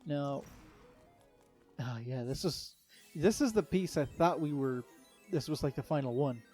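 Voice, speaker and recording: A man's voice: fairly high pitch, measured pace, dark tone, slightly rough, soft background music. A young man giving rambling, easygoing commentary over a solo game playthrough, with lots of fillers and restarts. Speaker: let's play commentator. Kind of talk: casual solo gameplay commentary.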